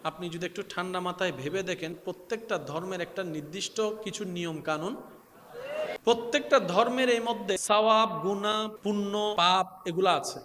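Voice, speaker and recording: Male preacher, high piercing voice, rises to shouts, reverb-heavy gathering. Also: a little hiss or hum. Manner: rhetorical questions, calls on the crowd to answer; swings from quiet to shouted. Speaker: Islamic preacher. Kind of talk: Bengali waz sermon.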